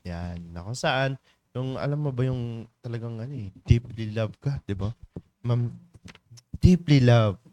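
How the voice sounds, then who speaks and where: A man's voice: medium pitch, a little slow, darkish tone. A man with a Filipino accent leading a morning church devotion in a conversational way, often asking the listeners questions and teasing them. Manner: conversational, teasing the congregation, many tag questions. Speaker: devotion leader.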